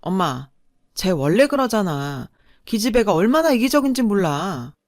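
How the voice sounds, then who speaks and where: A woman's voice: medium pitch, big pitch swings, moderate pace, no room sound, studio quality, lightly acted. A woman voicing a spoiled, selfish older sister who talks in a whiny, dismissive way.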